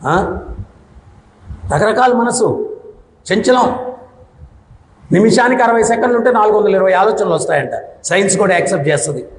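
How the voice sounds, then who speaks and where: A man giving a devotional sermon to an audience, speaking loudly and often asking "hmm?" to check they follow. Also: sits high, normal speed, long pauses. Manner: loud, with frequent questioning "hmm?" to the audience. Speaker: spiritual discourse speaker. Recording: echoey hall reverb.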